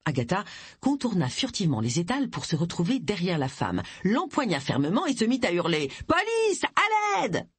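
An expressive audiobook narrator with a lively, wide-ranging intonation. The slightly husky voice is recorded close and dry, with no room sound. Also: medium pitch, brisk, no room sound. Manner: expressive storytelling. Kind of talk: scripted narration.

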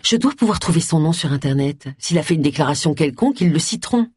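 Narrator as a determined middle-aged woman detective in an audiobook, animated, husky and dry. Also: sits low, fast, dry recording. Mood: reasoning. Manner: determined, reasoning aloud. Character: stubborn amateur woman sleuth, sharp-minded.

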